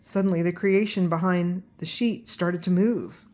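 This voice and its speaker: An older woman narrates a children's storybook. Her voice sits slightly low for a woman, and she reads aloud as a grandmother would to children. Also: fairly even intonation, normal speed, darkish tone.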